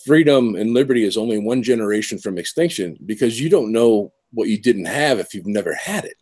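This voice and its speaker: A man's voice: on the low side, expressive, a little fast, darkish tone, no room sound. Late-forties guy on a call, stammery, dry close sound. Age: 40s. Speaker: caller. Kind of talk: casual group call chat.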